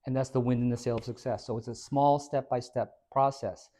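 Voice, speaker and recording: A man who is a fitness trainer, giving an informal, energetic talk to a small audience. He quizzes the listeners and tags many points with "right?". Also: medium pitch, fairly quick. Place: hair and skin salon, indoors.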